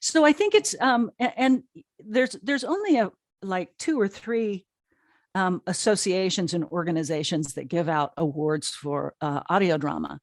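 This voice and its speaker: With a fairly low pitch and measured pace, a middle-aged American woman speaks casually and emphatically in an interview, often starting sentences over. She is the guest, an audio drama producer and writer, recounting stories conversationally. The studio-quality recording carries no room sound.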